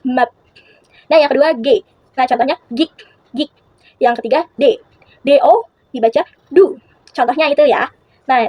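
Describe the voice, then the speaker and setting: A teenage Indonesian girl explaining English pronunciation to classmates for a school assignment, halting with fillers and self-corrections. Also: sits high, a little mellow, no room sound. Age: late teens. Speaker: student presenting a school assignment.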